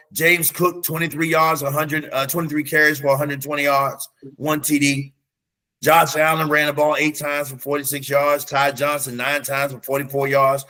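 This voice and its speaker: A man in casual sports talk, his voice bright and pitched a little high. He is animated and loose with slang as he runs through scores and stats, and he keeps an easy back-and-forth going with his co-host. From United States. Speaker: teacher.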